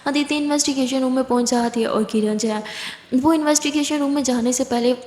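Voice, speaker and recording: A woman narrating a romantic drama story in a lively storytelling manner. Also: sits high, fast. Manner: lively, clears throat often. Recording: echoey room with long reverb.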